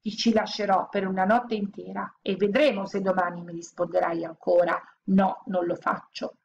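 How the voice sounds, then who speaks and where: A woman's voice: medium pitch, level tone, normal speed, vocal fry, muffled recording, a little hiss or hum, natural voice. A woman doing a cruel mistress begging. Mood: stern. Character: cruel harsh mistress, frightened and pleading.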